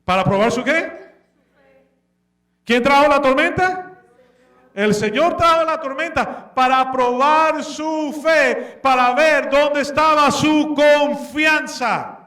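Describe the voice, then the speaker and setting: High, bright-voiced preacher in an echoey hall. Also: male voice, takes it slowly. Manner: animated preaching, asks the congregation questions; slips English words into his speech. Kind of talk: sermon. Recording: echoey room, distant mic.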